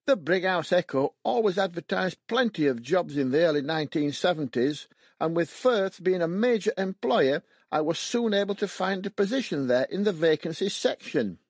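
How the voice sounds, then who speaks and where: A man's voice: high voice, lively intonation, moderate pace, no echo, studio quality. A man in his seventies from West Yorkshire, reading his own memoir aloud in a plain, matter-of-fact way. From West Yorkshire, England. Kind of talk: audiobook memoir narration.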